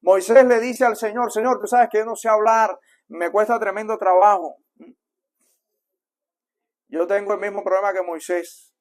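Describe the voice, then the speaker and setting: A Cuban-accented male pastor delivers a sermon in a church, his voice sitting fairly high for a man. He preaches in a chatty style, speaking the quotes softly and building up to louder, stronger lines. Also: fairly even intonation, moderate pace, long pauses. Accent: Cuban Spanish. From Cuba. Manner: conversational preaching, acts out quotes softly then builds in volume. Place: church sanctuary.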